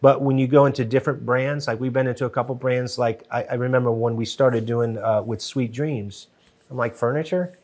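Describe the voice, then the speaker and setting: Animated middle-aged man, podcast guest. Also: mid-range voice, fairly quick. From Western Pennsylvania. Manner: animated, gestures a lot, frequent restarts. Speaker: podcast guest, TV show co-creator. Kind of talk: casual interview chat. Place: wood-paneled podcast studio. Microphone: studio mic on boom arm.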